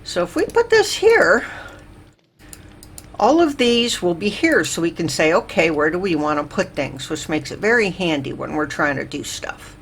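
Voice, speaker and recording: A woman hosting a slow, chill game let's play, thinking aloud with lots of fillers and a little out of breath. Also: lowish voice, very animated, a little hiss or hum. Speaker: Minecraft let's play host. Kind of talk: slow, chill gameplay commentary.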